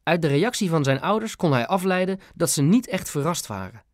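A man narrating a children's book in a calm, clear storytelling manner. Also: fairly high pitch, fairly quick, no room sound, studio quality. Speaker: audiobook narrator.

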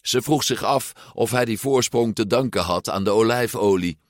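Male storyteller, slow, expressive, lowish voice, dry close sound. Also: no room sound. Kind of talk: storybook read-aloud narration.

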